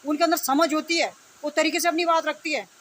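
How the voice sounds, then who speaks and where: She is an online video commentator with a high-pitched, fairly quick voice, scolding her opponents in an indignant, spontaneous rant. Her attack relies on rhetorical questions and phrases said again and again, recorded over steady background noise.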